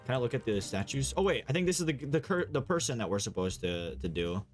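A young man chatting casually as he streams a game, sweary, slangy and excitable. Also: mid-range voice, fast, soft background music. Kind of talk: casual gaming commentary chat.

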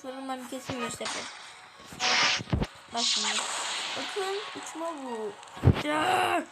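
A Turkish-accented woman commentating her gameplay to viewers, excitable, groaning and exclaiming as she plays. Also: high-pitched, slow pace, vocal fry, rough recording. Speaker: gaming channel host. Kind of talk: let's-play gameplay commentary. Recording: loud game music behind the voice.

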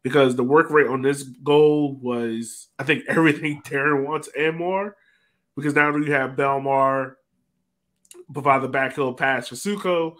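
A podcast host with a mid-range, steady, slightly bright voice speaks a little slowly in a casual sports chat over a video call. He is conversational and now and then searches for words, recorded on a video call microphone in an indoor room.

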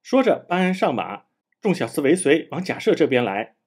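A man reads a classic novel aloud, his husky voice sitting fairly high. His delivery is animated and sing-song, the pitch rising and falling through each sentence. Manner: measured storytelling.

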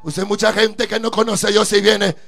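A man preaching a fervent live sermon at a church service, breaking into emphatic shouted bursts. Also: sits high, level tone, moderate pace, gravelly.

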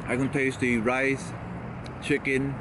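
Man chewing, slow words over loud street noise. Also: mid-range voice, level tone. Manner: slow, plain, short remarks. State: chewing food. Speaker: food vlogger. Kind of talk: casual food tasting commentary. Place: outdoors by a street.

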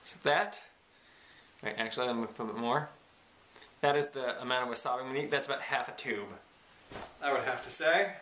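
A challenge vlogger chats casually to camera in a mid-range voice that's pushed and bright, talking a little fast with frequent pauses. His manner is informal, self-deprecating and joking, and the recording has a roomy echo from a distant microphone.

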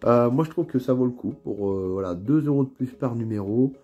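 A man's voice: mid-range voice, breathy edge, phone-quality sound. A man with a northern French accent chatting casually through an unboxing video, with plenty of hesitations and fillers. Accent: northern French (Ch'ti). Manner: relaxed, chatty, many fillers and pauses. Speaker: miniatures hobby YouTuber. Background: faint background music.

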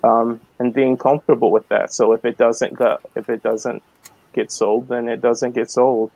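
A man's voice: medium pitch, little pitch movement, moderate pace, vocal fry, a little mellow, no room sound, lo-fi sound. Forty-year-old man hesitating on a video call. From American South. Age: 40s. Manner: hesitant, many ums, thinks aloud. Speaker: artist guest. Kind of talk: casual video-call interview.

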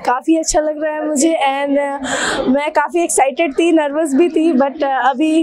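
A woman's voice: sits high, fairly even intonation, unhurried. Hesitant young-sounding woman over crowd. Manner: shy, hesitant, mixes English fillers. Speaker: model. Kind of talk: event interview. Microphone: handheld mic. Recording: loud crowd around. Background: loud crowd chatter.

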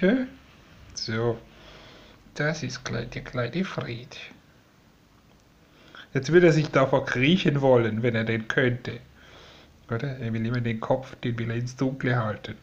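A man talking softly and doting to a young sparrow he is raising, coaxing it and explaining to viewers in a casual home video. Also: medium pitch, dull audio, a little hiss or hum. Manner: coaxing, soft and doting, often dropping to a whisper. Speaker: vlogger raising a rescued sparrow. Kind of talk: casual talk to a bird and viewers. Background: sparrow chirping.

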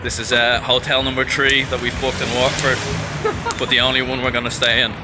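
Man, 20s, casual travel vlogger, mid-pitched everyday voice, loud music under him. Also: flat delivery, a little fast. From Ireland. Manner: upbeat, slangy, swears casually. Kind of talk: casual vlog narration. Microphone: handheld camera at arm's length.

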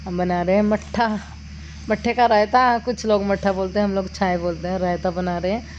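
A woman's voice: medium pitch, steady tone, fairly quick, a little mellow. A woman chatting homely as she narrates her cooking step by step in a village home kitchen. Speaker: village vlogger. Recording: dull lo-fi sound with outdoor noise. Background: insects and crickets.

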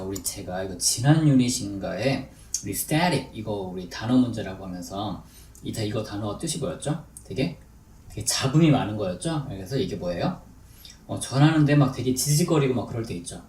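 A man teaching business English in a chatty lecture, drilling English phrases slowly and deliberately. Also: mid-range voice, darkish tone. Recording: echoey room, distant mic, faint noise.

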